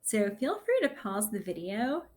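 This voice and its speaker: A female teacher of sixth graders gives a picture-book reading to kids, speaking at a medium pitch. She chooses her words slowly and gently with plenty of expression, breaking in now and then to comment.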